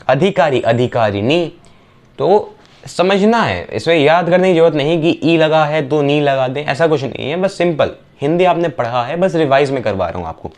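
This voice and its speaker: A young man teaching an exam revision lesson, briskly reading out word pairs and checking that the students follow. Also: fairly high pitch. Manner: brisk, repetitive drilling with quick checks on the students.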